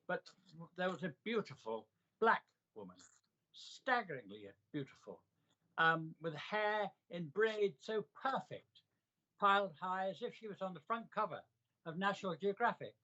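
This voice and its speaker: An older man with a bright, forceful voice pitched a little high recounts personal memories in an interview. He speaks in measured, deliberate phrases with clear emphasis. The recording is slightly dull and lo-fi. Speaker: interviewee recounting a hospital stay. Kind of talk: reflective personal storytelling in an interview.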